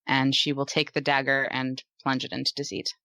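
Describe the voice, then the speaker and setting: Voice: medium pitch, monotone, moderate pace, sharp tone, dry recording. A player thoughtfully narrating what their character does in a tabletop game.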